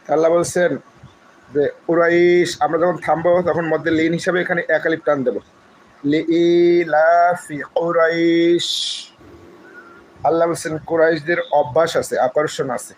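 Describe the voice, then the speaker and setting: A man leads a live Quran recitation lesson, spelling out each letter and vowel mark. His voice sits fairly high but barely moves in pitch. A faint hiss of room ambience lingers behind him. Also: fairly even intonation, rough recording. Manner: spells out letters and vowel marks, chanting slow recited phrases. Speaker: Quran tajweed teacher.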